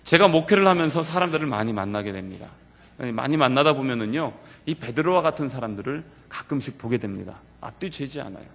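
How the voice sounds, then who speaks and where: A male pastor preaching to a youth service in a church, telling the story vividly and swinging between loud and quiet. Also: mid-range voice, fast talker, vocal fry. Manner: animated storytelling that acts out quoted lines. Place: church sanctuary.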